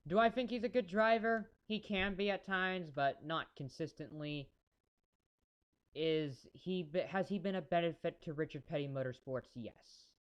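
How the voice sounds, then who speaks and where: A man rambles through casual race commentary on a live stream and chats with his viewers as he goes. His voice sits a little high. The sound comes through a dull, lo-fi home mic. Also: normal speed, smooth. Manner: chatty, rambling, talks to chat viewers.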